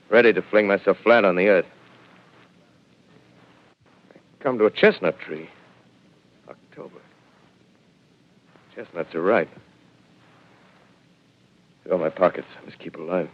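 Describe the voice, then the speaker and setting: An actor playing a lone, shaken professor surviving an invasion, narrating gravely in a 1930s radio drama heard through old AM radio sound. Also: male voice, low voice. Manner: grave, measured, reflective. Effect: old AM radio broadcast sound. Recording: muffled 1930s AM radio broadcast.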